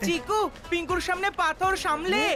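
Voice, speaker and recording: A woman voicing an eager little sibling in a children's cartoon, earnest and excitable. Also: very high voice, normal speed, over music. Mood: urgent.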